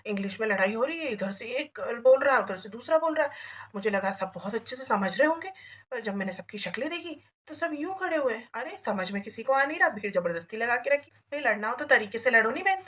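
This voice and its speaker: A woman from Rajasthan rattles through a comic story as if chatting with a neighbour over the wall. Her voice sits fairly high and she talks very fast, in a gossipy, animated village storyteller's way. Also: rough recording. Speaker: comedy vlogger. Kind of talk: comic monologue addressed to a neighbour.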